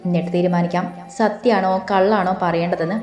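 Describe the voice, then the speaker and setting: A woman voicing a gruff but caring young husband in a romantic audiobook, low, teasing and offhand. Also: fairly even intonation, fairly quick, a little mellow, natural voice. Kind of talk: audiobook dialogue reading. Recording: roomy with faint music.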